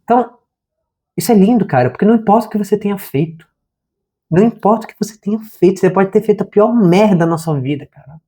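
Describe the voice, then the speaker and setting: With a high, warm, animated voice, a man speaks quickly in an informal spiritual talk to camera. He's a therapist who hosts a channel, and his manner is conversational and full of slang, with frequent use of "cara."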